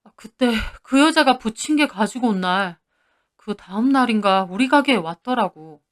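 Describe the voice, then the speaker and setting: A man's voice: high-pitched, lively intonation, normal speed, fairly bright tone. Woman voicing a whiny cheating husband, pleading. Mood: defensive. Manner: whiny, defensive excuses.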